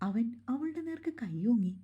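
A woman reading a romance novel aloud in calm, steady scripted narration. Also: fairly high pitch, normal speed, husky, dull audio. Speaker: storyteller.

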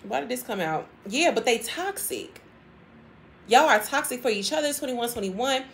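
A woman's voice: on the high side, lively intonation, moderate pace, gravelly, a little hiss or hum. A woman giving a casual tarot reading to her viewers, chatty and emphatic, repeating phrases and laughing often. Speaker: tarot reader.

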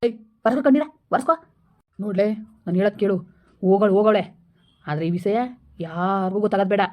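A woman playing a middle-aged village man who hushes and bosses his family to protect his election chances, in a comedy skit. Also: mid-range voice, quick pace, natural voice. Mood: hushing. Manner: hushing, persuasive, bossy.

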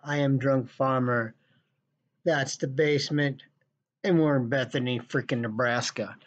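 A man's voice: medium pitch, steady tone, a little slow. A man ranting in a sarcastic, scolding, profane vlog monologue from his basement. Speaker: vlogger. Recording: dull lo-fi recording.

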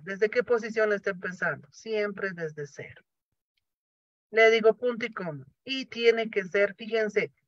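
In a classroom lecture on programming, a man with a high, slightly bright voice explains each step and responds to his own questions. The recording is dry, dull, and lo-fi.

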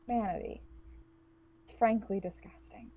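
Cold guarded loner lady, a woman playing her, flat monotone, blunt, darkish mellow voice. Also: medium pitch, normal speed, natural voice.

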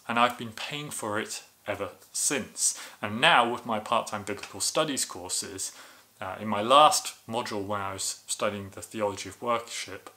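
Bright-voiced man reviewing to camera. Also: lowish voice. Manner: enthusiastic, explanatory. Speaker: video reviewer.

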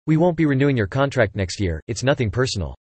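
For English listening practice, a mid-pitched male voice runs through scripted example sentences one by one, even, clipped, and brisk, with no flourish. The recording is fully dry, with no echo or room around it.

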